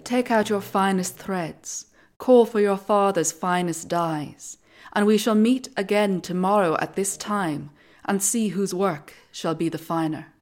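A woman with an Irish accent voicing Athena, a mighty goddess, speaking loud, slow and imperious. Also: mid-range voice, close to an everyday voice. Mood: commanding.

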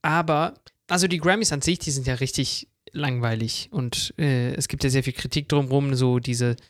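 A podcast co-host chats casually and enthusiastically, mixing English words into his informal speech. His voice is mid-range with fairly even intonation and normal speed, in a dry recording.

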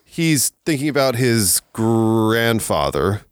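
Low-voiced man in loose podcast chat. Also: sing-song, slow, smooth, no echo, studio quality. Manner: rambling, laughing, swears freely. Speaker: podcast co-host. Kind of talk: casual chat.

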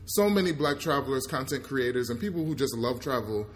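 A man's voice: mid-range voice, expressive, a little fast, a little hiss or hum. A man hosting a casual interview, friendly and hyped, using loose slang. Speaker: host interviewer. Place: at a travel festival.

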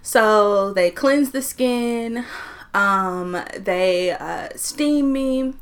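A woman in her twenties co-hosts a podcast, talking very slowly in a mid-range voice. The conversation is casual and informal, full of slang.

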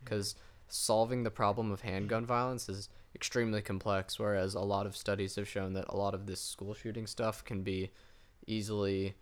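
A man's voice: lowish voice, little pitch movement, normal speed. A man on a student panel, laying out his argument point by point. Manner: methodical, lists points. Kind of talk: casual discussion.

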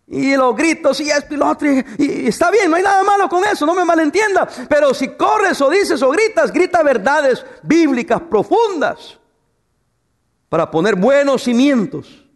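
A man's voice: very high voice, big pitch swings, measured pace, gravelly. A man preaching a sermon, asking rhetorical questions and telling humorous stories about his wife. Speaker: pastor.

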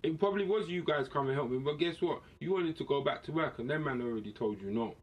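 This podcast host, of West Indian heritage, has a voice on the high side with a breathy edge and talks at a quick pace. He's outspoken and argumentative, trading blunt slang in a casual heated discussion.

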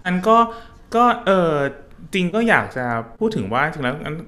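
A man co-hosting a casual science chat, chiming in often and adding explanations that pause and restart. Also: a little high, expressive, a bit bright.

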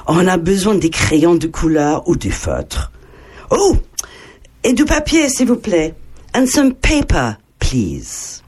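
A woman teaching English to children in a slow, playful, heavily exaggerated sing-song manner. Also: on the low side, wildly swooping pitch, darkish tone, slightly rough. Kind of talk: children's language lesson.

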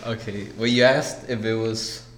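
Young male college student guest, laid-back and rambling, low and even-toned. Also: measured pace, crowd noise. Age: 20s. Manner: relaxed, rambling, laughs easily. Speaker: guest, college soccer player. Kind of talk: casual interview chat.

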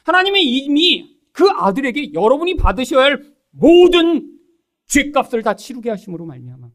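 Male pastor, very high voice, lively swooping delivery, sermon that keeps turning to the congregation. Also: moderate pace. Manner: keeps addressing the congregation directly, animated; acts out quoted dialogue in changed voices.

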